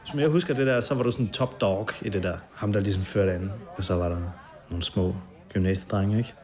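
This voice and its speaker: A man's voice: fairly low pitch, darkish tone. A man recounting a past night in a documentary interview, hesitant and full of fillers.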